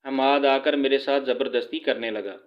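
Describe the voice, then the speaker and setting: A man voicing a stubborn, angry young woman who refuses an arranged marriage, in a sharp, scornful way. His own somewhat high voice carries her lines. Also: fairly even intonation, lo-fi sound, close to an everyday voice.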